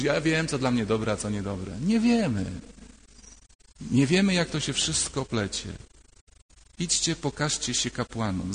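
An older man, a priest, giving a sermon in a conversational, emphatic way and repeating key phrases. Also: fairly high pitch. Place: church. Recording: long church reverb.

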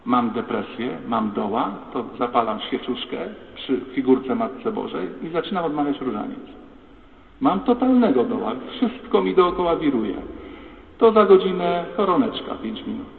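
Preaching priest in an echoing hall. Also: male voice, medium pitch, animated, moderate pace, creaky, distant mic. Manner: rhetorical, addresses the congregation directly. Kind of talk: sermon. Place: large church. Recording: echoey church hall, tinny phone-like sound.

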